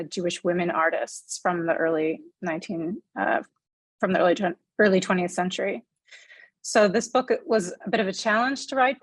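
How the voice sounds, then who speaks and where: A woman's voice: mid-range voice, no echo. Dry-sounding woman giving an earnest book talk. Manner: earnest, frequent ums and self-corrections. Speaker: author presenting her book. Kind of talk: online book talk lecture.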